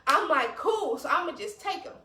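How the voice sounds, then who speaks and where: A woman's voice: extremely high pitch, big pitch swings, moderate pace, fairly bright tone. A woman podcast host telling a story in casual chat, laughing often as she talks. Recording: roomy, distant mic with faint noise.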